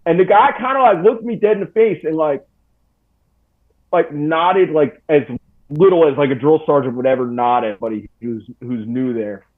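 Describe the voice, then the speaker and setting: A man's voice: on the high side, normal speed. Chill guy in his 40s telling his story, calls everyone dude and bro, sounds like a phone line. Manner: laid-back, slangy, full of "dude" and "bro". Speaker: podcast guest. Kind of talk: casual storytelling interview.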